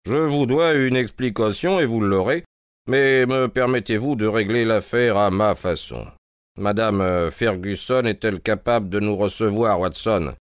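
A man voicing a brisk, self-assured detective in an audiobook, speaking in a measured way. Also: lowish voice, clean tone, no echo, clean studio sound, pitched above the performer's own voice, close to an everyday voice. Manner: measured, confident explaining. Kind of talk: audiobook character reading.

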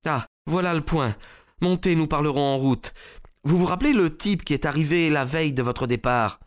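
A man voicing a distressed young gentleman in an audiobook, speaking higher and urgently. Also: moderate pace, natural voice.

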